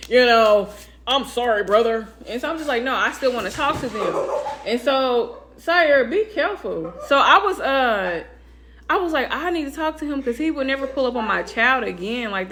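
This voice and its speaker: High-voiced animated woman telling a story. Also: a little hiss or hum. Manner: animated, acts out quoted voices with big pitch jumps. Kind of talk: casual storytime vlog.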